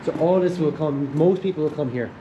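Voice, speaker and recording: A man's voice: on the high side, a little fast, highs cut off. A young man giving an informal, enthusiastic walking tour, explaining things in a chatty, loosely phrased way. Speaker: campus tour guide, student. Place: outdoors, walking around a campus. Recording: noisy outdoor recording with traffic. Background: clear urban ambience and traffic noise.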